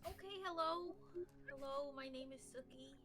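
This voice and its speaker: A woman's voice: high-pitched, moderate pace, music in the background, voice pushed up, lightly acted. A woman voicing an ambitious young female news reporter who stumbles through many fillers. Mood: cheery. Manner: hesitant, full of fillers. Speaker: player.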